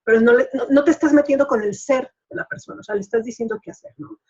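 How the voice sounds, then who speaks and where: A woman's voice: on the high side, fast talker, husky. A woman, a coach hosting a show, explaining in a chatty way with many fillers. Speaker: life coach and show host. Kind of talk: casual explanatory talk. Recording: dull lo-fi recording.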